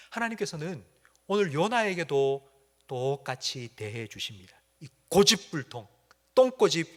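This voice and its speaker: A man preaching a sermon in a church, with dramatic pauses and emphatic rising peaks. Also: on the high side, a bit bright. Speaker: pastor. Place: church sanctuary.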